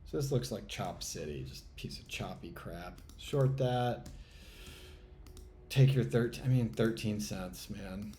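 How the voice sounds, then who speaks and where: Here the man's pitch sits fairly low, and he speaks a little slowly in a mellow tone over slight background noise. He's a trading channel host commentating live on a trading game, grumbling to himself, sighing with exasperation and cursing at the chart.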